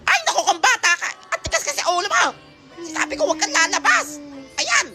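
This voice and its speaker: A woman narrating a comedy skit in a loud, excitable way, often shrieking and joking. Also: extremely high pitch, brisk, over loud music.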